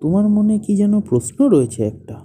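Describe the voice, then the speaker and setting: A man's voice: high-pitched, lively intonation, quick pace, warm tone, slight background noise. A man reading the part of a defensive, agitated writer husband in a Bengali play reading. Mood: questioning. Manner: heated, rising to agitated outbursts.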